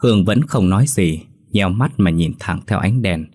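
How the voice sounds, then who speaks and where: A man narrating a horror story in a steady, grave tone. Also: low-pitched, normal speed.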